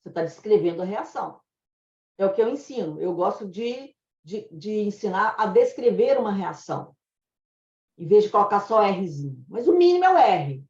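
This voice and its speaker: A woman's voice: medium pitch, expressive, normal speed, a little mellow. A Brazilian woman teaching dubbing translation in a chatty, explanatory way. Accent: Brazilian Portuguese. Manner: chatty, explanatory, laughs at own anecdotes. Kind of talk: informal online lesson. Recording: roomy, dull lo-fi sound.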